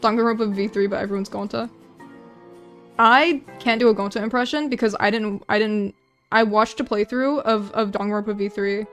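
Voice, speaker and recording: Drawing on a livestream, a young woman chats casually with her viewers at a moderate pace, her medium-pitched voice fairly even in intonation. Soft music plays underneath her rambling, self-deprecating talk, which is full of false starts.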